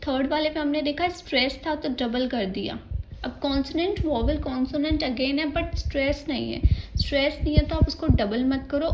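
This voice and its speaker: A woman's voice: high voice, muffled recording, slight background noise. A woman with an Indian accent teaching an exam-prep grammar lesson, explaining each rule step by step and spelling words out letter by letter. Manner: mixes English terms into Hindi speech.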